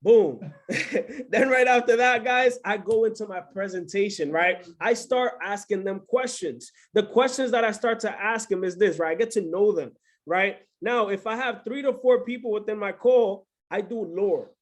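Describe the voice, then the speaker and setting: A man from the United States giving an energetic motivational business training over a video call, constantly checking in with the listeners. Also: sits high, normal speed. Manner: hyped, energetic, peppers talk with "right?".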